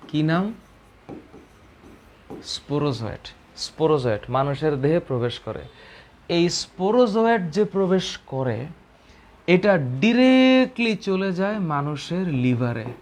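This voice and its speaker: A man teaching a biology lesson, repeating key terms and answering his own questions. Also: on the high side.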